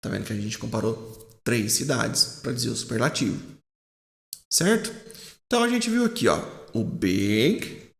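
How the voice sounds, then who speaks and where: A man's voice: mid-range voice, lively intonation, gravelly, reverberant. A Brazilian man teaching English grammar step by step, stretching out the English example words and checking in often with "né?" and "certo?". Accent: Brazilian Portuguese. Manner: says English example words slowly and drawn out. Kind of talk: classroom-style explanation.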